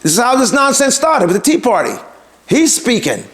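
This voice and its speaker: Man, show host, opinion monologue, very animated pitch, rhetorical questions. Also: normal speed. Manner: emphatic, repeats himself for stress; talks straight to the audience with rhetorical questions. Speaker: podcast host.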